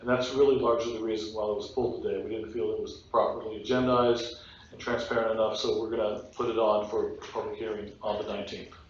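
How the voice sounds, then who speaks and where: A man's voice: on the low side, level tone, fast. A man on a school board answering a public comment in a businesslike, procedural way, with fillers. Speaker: board official. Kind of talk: formal procedural response. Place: echoey public meeting room. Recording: distant, echoey, dull meeting audio with faint room noise.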